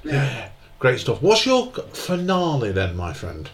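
A man's voice: medium pitch, wildly swooping pitch, slow. A man hosting a casual chat, giving enthusiastic, informal praise. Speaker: host.

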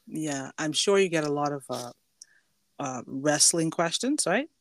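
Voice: medium pitch, expressive, unhurried, no echo. A middle-aged podcast host from the Bahamas, chatting and laughing easily while asking questions. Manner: chatty and warm, with frequent fillers and laughs. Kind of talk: casual interview.

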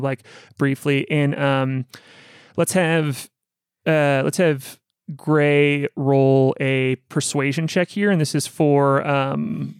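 Man, game master, halting with fillers, smooth resonant voice, dry close sound. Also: on the high side, dry recording. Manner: halting, many fillers and restarts. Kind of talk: narrating a tabletop game.

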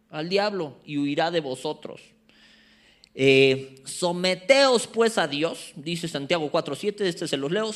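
Lively, high-voiced preacher. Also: male voice. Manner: animated, playful asides to the congregation. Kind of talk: sermon.

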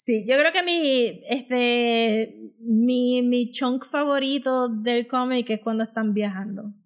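A woman's voice: fairly high pitch, slow pace. A woman with a Puerto Rican Spanish accent chatting casually as a comics podcast co-host, often slipping English words and phrases into her Spanish. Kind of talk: casual chat.

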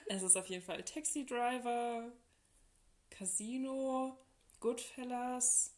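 A young adult woman co-hosting a casual podcast, playful, laughing often and throwing in quick asides. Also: fairly high pitch, a little mellow. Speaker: podcast co-host.

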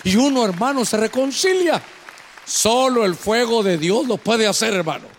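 A man's voice: sits high, expressive, normal speed, big-room sound, some chatter behind, slight background noise. A man preaching a sermon as pastor in a church. He speaks fervently and keeps addressing the congregation as brother. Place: church hall.

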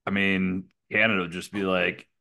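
A man's voice: deep voice, flat delivery, normal speed, gravelly, pushed and bright. A man co-hosting a comedy podcast, goofy and laughing often, trying on silly voices for bits. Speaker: podcast co-host. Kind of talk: casual comedic banter.

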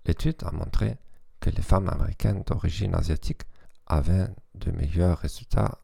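Deep, gravelly German-accented man, halting French. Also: mellow, no room sound, clean studio sound. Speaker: podcast host. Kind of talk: scripted educational podcast narration.

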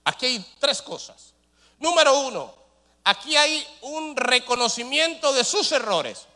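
Preacher guy, super bright sharp tone, big swings loud and soft, long echo behind him. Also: very high voice, lively intonation, unhurried. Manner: preaching with dramatic rises and drops, rhetorical questions. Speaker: pastor. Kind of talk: sermon. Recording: long hall reverb.

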